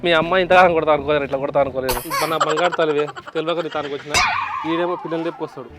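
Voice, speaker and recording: A man's voice: fairly high pitch, steady tone, very fast, heavy background noise, close to an everyday voice. A man playing a cheeky brother-in-law who taunts with a laugh, with a Telangana Telugu accent. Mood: complaining. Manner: taunting, laughing while talking. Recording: loud background music.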